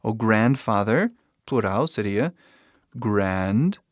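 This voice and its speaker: A man in his forties, a native English speaker, giving an online language lesson with patient explanations, slowly repeating words and often checking in with short tag questions. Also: mid-range voice, lively intonation, a little mellow, no room sound, studio quality. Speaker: English teacher.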